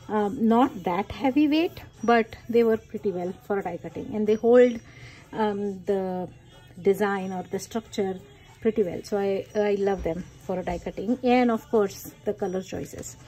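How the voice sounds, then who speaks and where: A woman with a slightly high, husky voice chats her way through a crafting tutorial. She sounds enthusiastic and thinks aloud with plenty of fillers. Her tone is mellow, and soft music plays behind her. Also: poor audio. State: hiccuping. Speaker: card-making crafter. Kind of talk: casual craft tutorial talk.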